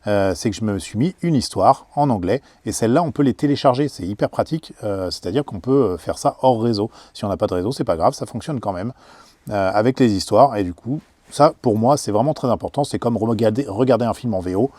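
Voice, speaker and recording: A man's voice: lowish voice, lively intonation, fairly quick, mellow, no echo. A man travel vlogger explaining things casually, hesitant with many fillers.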